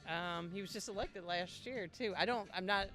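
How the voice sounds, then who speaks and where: A man's voice: high-pitched, normal speed, over music. A man stopped on the street, giving hesitant, amused answers. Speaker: passer-by.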